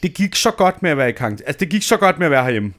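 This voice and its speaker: Animated, self-mocking Danish storyteller man. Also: a little high. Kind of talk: casual storytelling chat.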